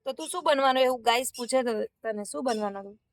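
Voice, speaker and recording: A woman's voice: a little high, fast, no room sound. A woman, a mother hosting a casual family vlog, chatty and coaxing her children with questions.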